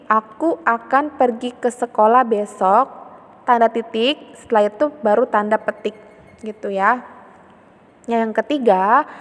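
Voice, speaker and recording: Patient woman teacher, fairly high voice, long reverb around her, lesson delivery. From Indonesia. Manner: patient, repeats points with tag question "ya". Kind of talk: classroom lesson explanation.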